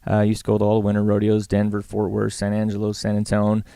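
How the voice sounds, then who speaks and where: A man's voice: lowish voice, monotone, fast, creaky, warm tone, smooth, no echo, studio quality. A middle-aged man with a Western Canadian accent chats casually in an interview, plain-spoken and folksy. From Alberta, Canada. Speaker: guest, livestock auctioneer and former calf roper.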